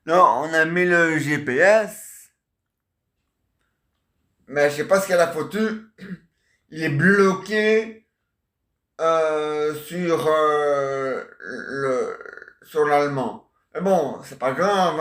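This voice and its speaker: A rambling middle-aged husband who grumbles on about his wife, as a man puts him on. He sounds fairly high for a man, repeats himself and keeps clearing his throat. The echoey room is clearly audible. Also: fairly bright tone. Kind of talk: homemade comic character sketch.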